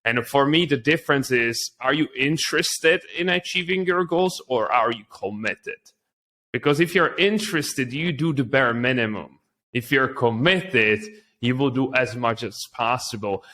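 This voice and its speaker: A Czech man speaking English as a second language, with a Czech accent, tells his story conversationally as an interview guest. His voice is mid-range and sharp in tone, at a moderate pace.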